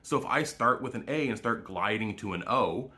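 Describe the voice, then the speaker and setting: This language educator, a man with a Canadian accent, explains speech sounds and demonstrates vowels in a short educational video. His medium-pitched voice is animated, pushed and bright, moving at a normal speed.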